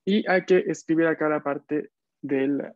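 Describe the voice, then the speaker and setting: A man's voice: on the high side, a little slow, no room sound. A man teaching a language class online, explaining patiently and often checking that students follow. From Peru. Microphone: computer mic on a video call. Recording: dull video-call audio.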